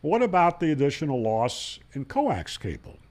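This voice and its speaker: Hosting a ham radio channel, a man talks to camera, explaining things and spinning stories in a folksy, conversational manner. His voice is a little high and sing-song, with a darkish tone and normal speed.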